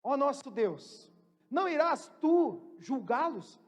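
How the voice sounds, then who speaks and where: A Brazilian pastor preaching a sermon. He moves between loud, emphatic preaching and quiet, joking asides to the congregation. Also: extremely high pitch, sing-song, takes it slowly. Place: church hall. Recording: long church reverb, faint music.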